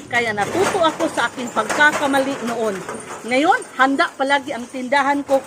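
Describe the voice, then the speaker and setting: A woman from the Philippines with a high voice talks straight to her viewers in a casual vlog about running a small store. She is chatty and friendly, calls her audience friend, and laughs between points. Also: fairly bright tone, a little hiss or hum. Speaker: sari-sari store owner and vlogger.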